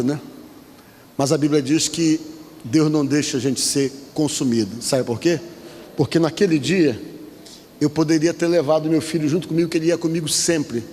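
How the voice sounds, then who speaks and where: A man's voice: a little high, in a large hall, a little hiss or hum. A man who is a pastor, speaking, telling a personal story as part of a sermon and acting out the voices of the people in it. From Brazil. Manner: storytelling, acts out quoted voices. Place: church.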